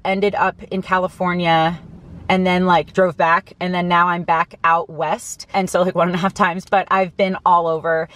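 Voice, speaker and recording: In a small parked car, an American woman in her early thirties vlogs to camera with a medium-pitched voice. She speaks casually but earnestly, putting emphasis on her points.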